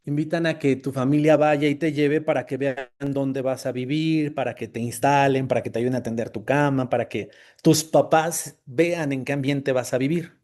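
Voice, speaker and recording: A man's voice: mid-range voice, steady tone, moderate pace, a little mellow. A man with a Mexican accent, a priest, giving a personal testimony talk with slides, telling his story in a conversational way and often adding tag questions.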